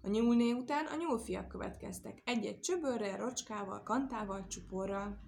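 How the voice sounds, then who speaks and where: A woman's voice: on the high side, creaky. Woman reading a children's tale. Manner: lively, expressive read-aloud with sound words. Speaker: storyteller.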